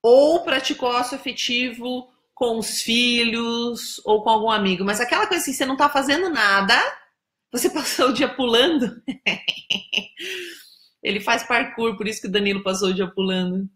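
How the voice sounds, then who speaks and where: Teasing, bright-voiced Brazilian woman host. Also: on the high side, lively intonation, normal speed, echoey room. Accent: Brazilian Portuguese. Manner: chatty, teasing, greets viewers by name. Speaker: live stream host. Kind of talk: casual live chat with viewers. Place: indoors, home in São Paulo.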